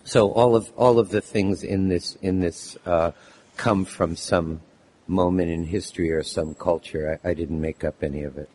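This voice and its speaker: A man with a lost, hoarse voice introducing and reading his text at a live poetry event, halting with many fillers. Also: low voice, steady tone, a little mellow, slight background noise. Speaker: poet reading his work.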